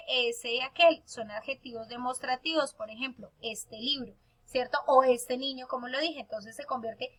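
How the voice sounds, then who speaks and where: A woman teacher with a high voice leads a recorded online class. She explains each point patiently and keeps checking that her listeners follow along. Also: pushed and bright.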